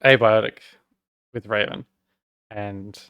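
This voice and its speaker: Aussie guy streaming, kinda low voice, dry close sound, rambles and pokes fun at himself. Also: steady tone, slow, clear, resonant tone, no room sound, phone-quality sound. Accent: Australian. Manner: rambling, self-deprecating, talks while working. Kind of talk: casual live-stream tech walkthrough.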